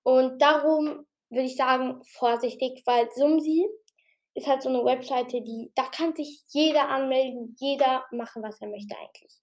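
Chatty, rambling woman with a high voice. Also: a little mellow. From outside Germany. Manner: chatty and rambling, with many fillers and restarts; says she talked a bit fast. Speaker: podcast host giving tips. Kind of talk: casual spoken explanation.

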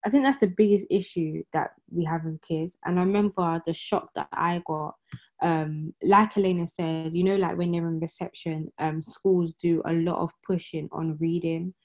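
Mum, casual group chat, mellow, dull lo-fi audio. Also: female voice, fairly low pitch, fairly even intonation, normal speed. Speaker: mother of a school child. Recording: dull lo-fi sound.

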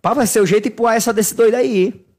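A man, telling animated, self-mocking stories in casual chat and laughing often. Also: high voice, fast talker. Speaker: podcast guest. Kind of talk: casual storytelling.

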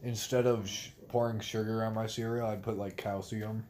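A man's voice: lowish voice, little pitch movement, moderate pace, a crowd in the background. Young man with playful mock-formal banter. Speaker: podcast co-host. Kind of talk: casual podcast chat.

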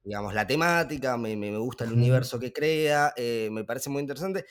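A man's voice: mid-range voice, a little fast. A man with an Argentine accent casually discussing a film on a podcast, thinking aloud with many fillers and restarts. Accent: Argentine Spanish.

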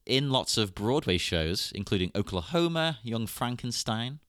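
A man chatting on a podcast, animated and quick to laugh. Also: mid-range voice, no echo, clean studio sound. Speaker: podcast panelist. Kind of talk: casual chat.

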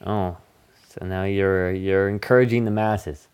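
A man's voice: low-pitched, fairly even intonation, measured pace, a little mellow, smooth. A man hosting a casual movie review podcast, recapping the plot in a goofy, rambling way. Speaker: podcast host.

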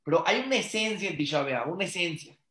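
High-voiced man teaching in echoey room. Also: expressive, fast talker, a bit bright. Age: adult father. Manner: earnest, repeats phrases for emphasis, many rhetorical questions. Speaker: rabbi teaching a class. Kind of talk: conversational religious teaching.

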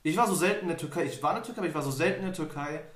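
A man's voice: a little high, racing, fairly bright tone. Rambling young man in an echoey room. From Germany. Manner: loose, rambling storytelling with many fillers. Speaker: podcast host. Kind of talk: casual podcast conversation. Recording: echoey room, somewhat off-mic.

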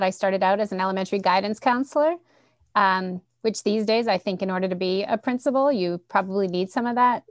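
A woman's voice: medium pitch, dry recording. Middle-aged woman guest from Massachusetts, friendly storyteller, dry close recording. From Central Massachusetts. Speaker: guest, education coordinator. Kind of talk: casual podcast interview.

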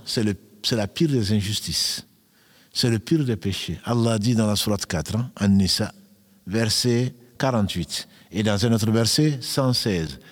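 A man giving an earnest religious lesson, reciting verses slowly and lifting his voice on key words. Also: medium pitch, long reverb tail. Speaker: Islamic teacher.

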